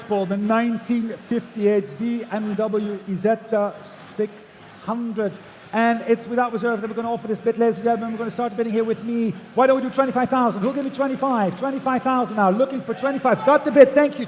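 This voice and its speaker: A man working as an auctioneer, calling bids in a repetitive, projected chant of numbers at a live auction. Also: very high-pitched. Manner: repetitive chanting of figures, often loud and projected. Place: large auction hall. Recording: echoey hall PA with background noise.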